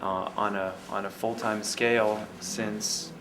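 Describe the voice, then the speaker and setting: A low-voiced man talks in a flat, even tone. He speaks in a measured way and often pauses on fillers. Clear ambient noise sits behind him. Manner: measured, halting with frequent fillers. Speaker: downtown business owner. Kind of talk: interview answers.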